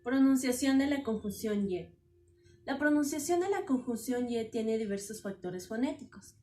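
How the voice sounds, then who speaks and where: A woman's voice: a little high, lively intonation, moderate pace, warm tone, slight background noise. A woman reading out a pronunciation lesson, evenly stating rules and examples. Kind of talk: read lesson narration.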